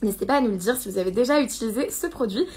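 A woman's voice: a little high, very fast, darkish tone, husky. A woman hosting a casual live unboxing stream, chatting and giggling as she reads viewer comments aloud. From France.

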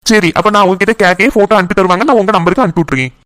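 A man plays an eager marriage broker in a cartoon who rattles off praise for a bride at breakneck speed. The voice sits high for a man, and the patter never lets up. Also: rapid-fire, a bit bright, clean tone, dry recording, studio quality. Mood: persuasive. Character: middle-aged male marriage broker, eager and flattering.

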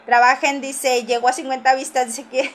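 A woman's voice: high voice, flat delivery, moderate pace. A woman hosting a casual gossip livestream, reading viewer comments aloud and answering them with teasing asides and frequent laughs.

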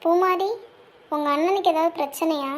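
A woman acts out a gentle, troubled older sister in a cartoon, speaking softly with worry. Her voice sits high and light. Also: normal speed. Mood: worried. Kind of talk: cartoon voice acting.

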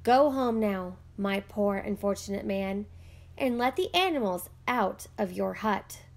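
A woman voicing a wise old village rabbi in a storybook read-aloud, giving calm, firm instructions. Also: medium pitch, vocal fry. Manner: commanding, measured.

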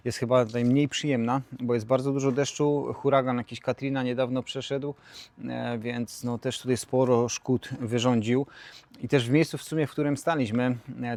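A man's voice: medium pitch, darkish tone. A man casually showing around his camper van at a campsite outdoors, talking loosely with lots of fillers and restarts, recorded on a handheld camera. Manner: chatty, many fillers and restarts. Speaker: vlogger. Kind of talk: casual vlog walkthrough.

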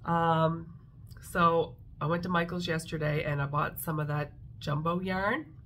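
A woman's voice: sits low, steady tone, unhurried, fairly bright tone, slight background noise. A woman with a congested, stuffy voice, chatting casually as she shows her crafts and thinks aloud. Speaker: craft vlogger. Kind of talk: casual show-and-tell chat.

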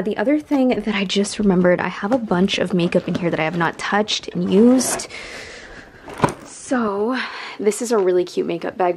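A woman's voice: mid-range voice, gravelly, darkish tone. A woman in her thirties chatting casually to camera as she tidies her beauty room at home, thinking aloud and gushing over things she finds. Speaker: beauty vlogger. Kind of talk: casual chat while tidying. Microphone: camera mic, moving around room. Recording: noisy home room recording.

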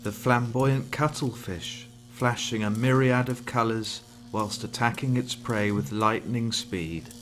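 A man's voice: medium pitch, measured pace, few pauses, a bit bright, slight background noise. A man reading scripted narration in the style of a nature documentary.

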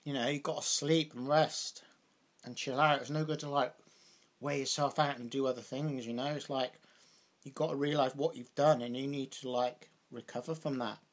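A man's voice: mid-range voice, steady tone, normal speed. Young brit guy chatting while he eats, rambly, says like and you know a lot. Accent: British. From Britain. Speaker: vlogger. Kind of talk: casual chat while eating.

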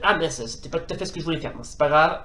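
A man from France giving casual gameplay commentary, switching into excitable mock sports-caster calls and swearing at his goalkeeper. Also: on the high side, racing, roomy sound. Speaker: retro gaming YouTuber.

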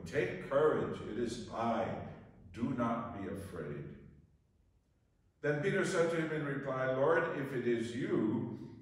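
Slow-speaking priest in cathedral echo. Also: male voice, medium pitch. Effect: heavy church echo from a distant mic. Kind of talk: gospel proclamation and homily. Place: large church. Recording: echoey church hall, distant mic.

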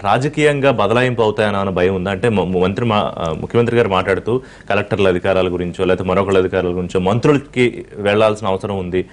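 Fast-talking Telugu news anchor man. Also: lowish voice. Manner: probing questions, mixes English words into speech. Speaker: TV debate anchor. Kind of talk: moderating a studio debate.

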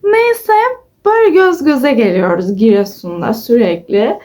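A slightly high, slightly mellow voice with huge pitch swings belongs to a woman in her twenties, speaking a little slowly. In her casual vlog, she tells stories to followers and giggles as she acts out what others said.

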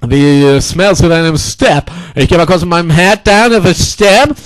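A high-pitched man in a crude comedy sketch. He barks abrasive insults and drops English slang between his words. He stretches his catchphrases into long, drawn-out shouts. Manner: repeats catchphrases in a drawn-out yell. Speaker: comedy character performer.

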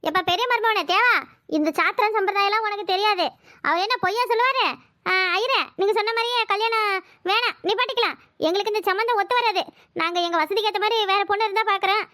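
A shrill, fast-talking cartoon aunt, as a woman voices her, smug and sharp-tongued. She rattles along at a quick clip and mocks everyone around her with brisk dismissal. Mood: dismissive.

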